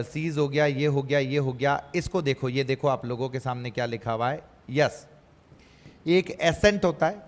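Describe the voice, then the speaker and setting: A man's voice: a little high, long reverb tail. A male teacher giving an exam-prep vocabulary lecture, repeating key words and answering his own questions.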